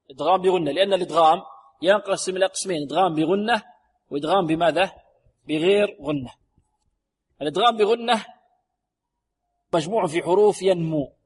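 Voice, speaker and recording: A man teaching Quran recitation on the radio, stretching words slowly to demonstrate sounds and then explaining briskly. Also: high-pitched, breathy edge, big-room sound. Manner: slow drawn-out demonstration of sounds, repeats words; brisk explanations between examples. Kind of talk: tajweed lesson on radio. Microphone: recorded for radio.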